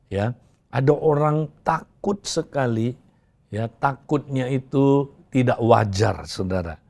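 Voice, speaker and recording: A male pastor, preaching a sermon slowly and deliberately. He often turns to his listeners and tells a story, giving its people voices. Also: mid-range voice, darkish tone.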